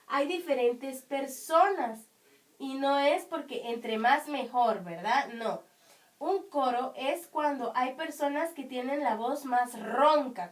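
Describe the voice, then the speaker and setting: A woman teaching young children, explaining patiently with many checking questions, her high voice strong and carrying. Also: recorded from a distance. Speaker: primary school teacher. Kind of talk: online class for children.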